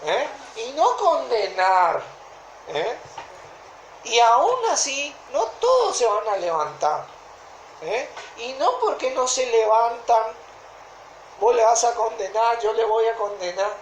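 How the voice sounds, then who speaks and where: An Argentine woman preaches a sermon in a fairly high voice, with a Rioplatense accent. She speaks deliberately and keeps checking that her listeners follow. The room gives an echo, with a faint hiss behind her. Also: very animated. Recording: echoey room.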